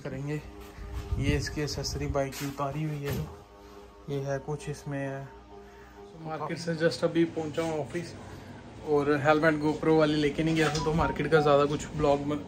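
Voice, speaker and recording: A man in his thirties casually vlogging his day at a small factory, chatting and explaining things as he goes. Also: fairly high pitch. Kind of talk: casual vlog. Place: small tile factory and car.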